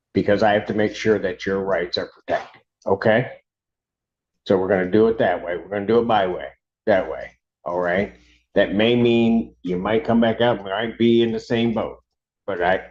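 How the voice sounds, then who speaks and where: Male judge, low voice, firm and interrupting, dull courtroom recording audio. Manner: firm, interrupts with repeated "hold on". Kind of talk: presiding over court hearings.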